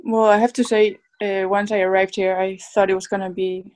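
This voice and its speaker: Woman with Basque accent, fairly even pitch. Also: fairly quick, rough recording. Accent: Basque Spanish. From Basque Country, Spain. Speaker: professional footballer being interviewed. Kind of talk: casual interview answers.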